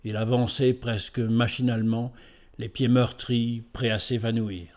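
A man narrates a historical tale in a steady, measured reading voice of middle pitch. His delivery is even and composed, the sound of a scripted storybook narration.

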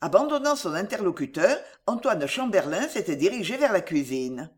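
An audiobook narrator reading a novel aloud with expressive, varied intonation. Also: mid-range voice, normal speed.

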